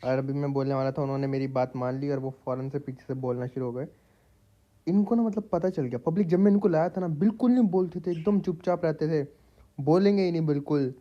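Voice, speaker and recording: Talking fast in a slightly high voice with the highs cut off, this man narrates gameplay for his YouTube channel. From a home room where his pet parrots live, he chats and jokes directly with viewers, treating them as his public.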